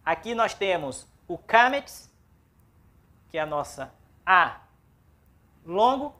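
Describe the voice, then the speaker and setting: A woman's voice: on the low side, big pitch swings, slow pace, a bit bright. A woman with a Brazilian Portuguese accent teaching a Biblical Hebrew class, spelling out syllables and repeating words aloud for practice. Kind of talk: classroom lesson.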